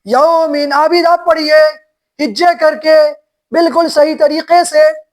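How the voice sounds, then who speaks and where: Slow, drawn-out male recitation teacher. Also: extremely high pitch, fairly even intonation. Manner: slow, drawn-out syllable-by-syllable spelling; calls on pupils and corrects them patiently. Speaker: Quran teacher. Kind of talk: classroom recitation and spelling lesson.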